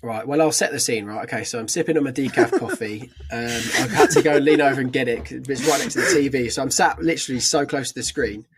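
A young man co-hosting a casual football podcast, an animated, excitable storyteller. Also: mid-range voice, fast, few pauses, slight background noise. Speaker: podcast co-host. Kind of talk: casual chat.

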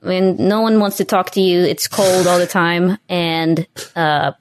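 A woman's voice: lowish voice, level tone, a little slow, slight background noise. A woman from Sweden, chatting casually and telling a story bluntly between laughs. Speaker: player. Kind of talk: casual chat.

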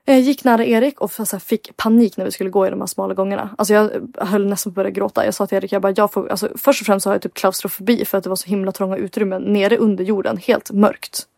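A young woman chats on a podcast, spinning a lively tale full of filler words and acted-out quotes. Her voice sits at an ordinary pitch and sounds dry and close, with little room around it. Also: creaky, hardly any pauses, dry recording. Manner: animated storytelling, heavy filler words, acts out quotes. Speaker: podcast co-host. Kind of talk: casual podcast chat.

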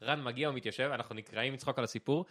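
Bright-voiced young man telling a story. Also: medium pitch. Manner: animated, laughing storyteller, shouting quoted lines. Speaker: podcast co-host. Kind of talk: casual storytelling chat.

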